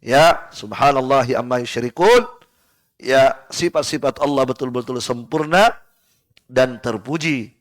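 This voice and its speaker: A man teaching Quran exegesis in a live study class in a prayer room, lively and rhetorical, keeps asking his listeners why and then answering himself, with Arabic verses recited in a slow chant. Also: medium pitch, dry recording.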